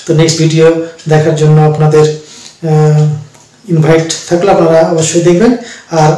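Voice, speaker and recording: A man patiently explains a reading lesson, repeating points and pausing often to hesitate. His voice sits a little high. He sounds distant from the mic, in a room with heavy echo. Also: flat delivery, dark tone. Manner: slow, repetitive, with frequent hesitations. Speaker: English teacher. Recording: very echoey room, voice far from the mic.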